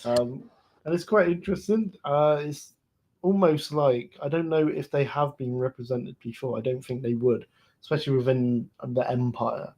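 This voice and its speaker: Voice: medium pitch, moderate pace, darkish tone. A co-host casually chatting about a show, often trailing off and restarting sentences. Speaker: podcast co-host. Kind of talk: casual fan recap chat.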